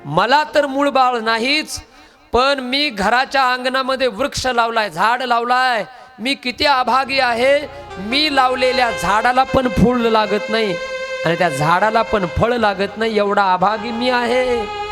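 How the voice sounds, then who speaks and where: A rich, sorrowful man laments his childlessness in slow, pleading tones, voiced by a male preacher. His voice stays high as he counts his misfortunes. Instruments play clearly in the background. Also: sharp tone, soft background music, heavily acted. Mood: lamenting.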